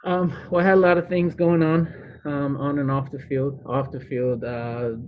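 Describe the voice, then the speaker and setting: A man, a former baseball pitcher, telling a story as an interview guest, rambling and swearing freely. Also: normal speed, dull audio, noisy background. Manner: animated, rambling storyteller who restarts and swears.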